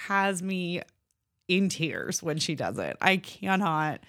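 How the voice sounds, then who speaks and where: A woman's voice: lowish voice, very animated, takes it slowly, fairly bright tone, no echo, clean studio sound. A young adult woman co-hosting a podcast, chatty and enthusiastic as she tells stories. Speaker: podcast co-host. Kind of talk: casual chat.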